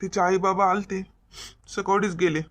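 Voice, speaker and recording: Speaking at a moderate pace in a high male voice, a voice actor portrays the bitter, heartbroken young husband of an animated comedy. The character sounds whiny and tearful and carries a Varhadi Marathi accent.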